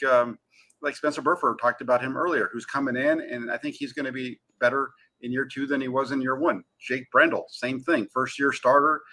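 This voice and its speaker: A man, a sports reporter on a talk show, speaking in an energetic, eager way. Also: medium pitch. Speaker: team beat reporter.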